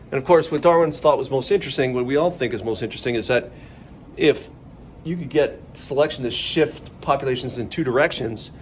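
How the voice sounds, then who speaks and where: A man's voice: medium pitch, a little hiss or hum. A man teaching a biology lesson in a chatty, upbeat way, rambling a little as he explains. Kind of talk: casual classroom video lesson.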